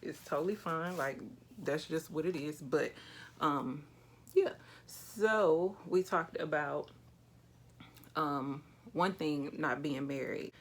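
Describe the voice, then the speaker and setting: A thirty-year-old woman with a low, gravelly voice talks candidly through her makeup routine. She drifts between slang and the odd curse in a relaxed, chatty way, while faint room hiss sits behind her voice in a small space. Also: slow pace. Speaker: beauty vlogger. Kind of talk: casual chat while doing makeup. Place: small indoor room with a plain backdrop.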